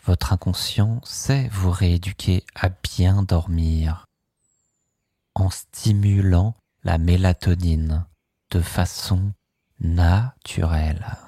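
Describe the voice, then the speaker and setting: A man guiding a sleep hypnosis session, speaking in a slow, soothing, hushed way. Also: deep voice, fairly even intonation, dry recording, studio quality.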